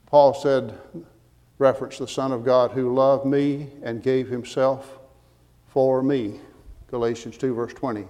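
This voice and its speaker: A man's voice: medium pitch, flat delivery, a little slow, dark tone, long reverb tail. A man preaching a sermon in an earnest, emphatic way, citing scripture verses as he goes.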